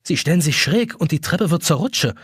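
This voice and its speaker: Male audiobook narrator, expressive, a bit higher voice, very animated delivery. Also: normal speed, husky, no echo, clean studio sound. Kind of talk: scripted narration.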